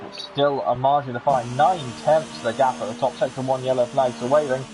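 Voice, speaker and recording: Man, race commentator, excitable, chatty, engine noise behind. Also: medium pitch, a little fast. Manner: excitable, chatty with jokey asides. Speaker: sim racing league commentator. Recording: game engine noise under the voice. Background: racing car engine sounds from the game.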